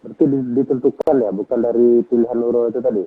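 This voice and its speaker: A man conducts a casual interview over a phone call, asking short follow-up questions. His voice is a little husky. The line is thin and phone-like. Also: medium pitch, steady tone, fast. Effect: heard over a phone or online call.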